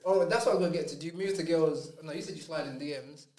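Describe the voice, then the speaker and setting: A man's voice: fairly high pitch, fast talker, a little mellow. A young man with a London roadman street accent, chatting casually in slang and throwing in questions and interjections. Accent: London, urban street style. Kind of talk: casual banter among friends. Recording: echoey room with chatter behind.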